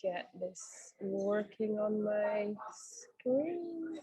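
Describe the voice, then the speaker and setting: A young Scottish woman, a senior advisor appearing as a guest speaker, gives a chatty presentation on a video call from a cafe. Her mid-range, mellow voice is breathy, with lively intonation and drawn-out words, plus plenty of ums and restarts. The recording is dry and the audio poor.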